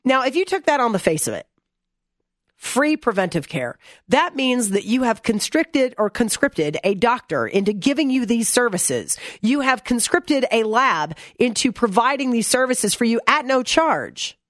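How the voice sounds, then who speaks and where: A woman's voice: fairly high pitch, sing-song, a little slow, dry recording, clean studio sound. A woman hosting an opinion commentary segment, reading text aloud and mocking it in a sarcastic, blunt, exasperated way. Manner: reads text aloud and mocks it.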